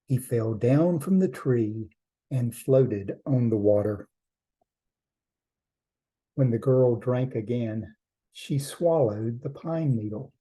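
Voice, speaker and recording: A man telling a traditional trickster tale as a storyteller, in measured short phrases with deliberate pauses. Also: medium pitch, animated, warm tone, slightly rough, poor audio.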